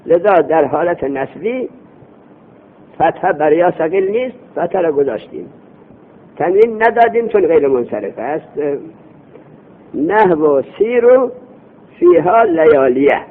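A man teaching an Arabic grammar lesson as a seminary teacher, questioning his student and answering himself, slowing down to recite phrases. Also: high-pitched, slightly rough. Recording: phone-like lo-fi recording.

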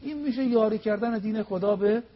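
A male cleric delivers a preaching talk on a TV program. His voice sits a little high and is husky. He drives home each point with emphasis and rhetorical questions, and the sound is dull and lo-fi. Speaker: cleric guest on religious TV program.

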